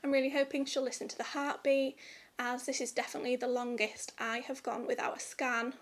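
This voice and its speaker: Woman, young, high voice, chatty vlog to camera, candid and rambling. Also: little pitch movement, a little fast. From United Kingdom. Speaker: vlogger. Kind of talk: casual chat to camera.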